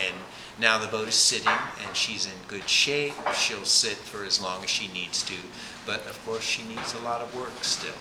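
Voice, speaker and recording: A man being interviewed, telling his story in a plain, relaxed way. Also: on the low side. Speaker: interviewee, sailor. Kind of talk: casual interview. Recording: echoey room, loud party noise.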